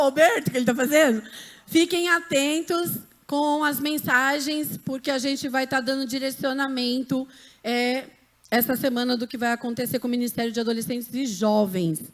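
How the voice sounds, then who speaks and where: A woman's voice: sits high, steady tone, normal speed. A woman pastor, giving church announcements from the pulpit in a fervent, preacherly way that calls out to the congregation. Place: church sanctuary.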